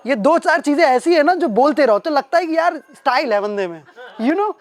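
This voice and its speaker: Speaking at a moderate pace with no room sound, a young Uttar Pradesh comedian uses a very high voice for his stand-up storytelling. The anecdote is lively and self-deprecating.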